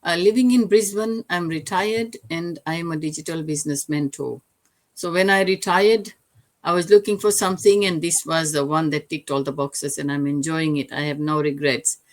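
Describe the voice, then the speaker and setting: A woman's voice: low voice, fairly even intonation, normal speed. A retired woman from Fiji in her sixties, a mentor giving a brief, polite introduction on a livestream. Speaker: business mentor. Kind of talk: casual livestream chat.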